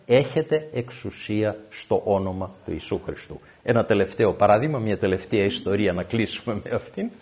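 Male preacher, lively storytelling sermon, muffled lo-fi sound. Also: lowish voice, hardly any pauses. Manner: animated storytelling, acts out dialogue. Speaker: pastor. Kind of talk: sermon with personal stories. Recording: dull lo-fi recording.

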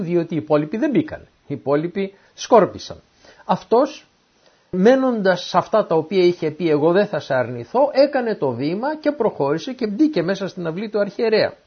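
A man's voice: high-pitched, breathy edge. A man preaching a sermon who reads scripture verses and then retells them in everyday words. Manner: animated, acts out the quoted speakers. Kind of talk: sermon explaining a Bible passage. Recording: dull lo-fi recording.

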